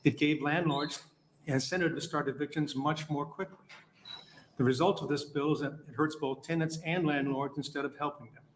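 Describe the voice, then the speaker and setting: A man with a fairly high voice delivers prepared testimony as a landlord. He speaks firmly and reads from a statement. A faint hum sits under his words. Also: steady tone, normal speed.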